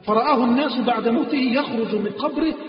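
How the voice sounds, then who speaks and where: A man preaching a sermon with passion, swinging between loud emphatic lines and low hushed ones. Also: quick pace. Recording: echoey hall heard from a distance, dull sound.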